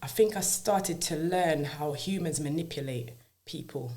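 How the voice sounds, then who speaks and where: Deep, dark-toned and a little slow, this Jamaican woman recounts her own life story as a guest in a casual podcast interview. She comes across earnest and reflective, frequently checking in with "you know what I mean".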